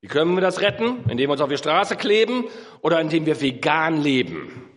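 A man preaching a sermon, swinging between emphatic high peaks and low, slow earnest passages. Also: big pitch swings. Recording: echoey hall.

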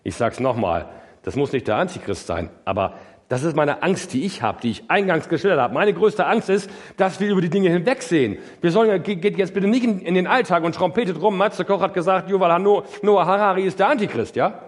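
A man preaching a sermon, emphatic and questioning his listeners directly. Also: a little fast. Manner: emphatic, swings from loud high outbursts to low quiet asides. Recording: long hall reverb.

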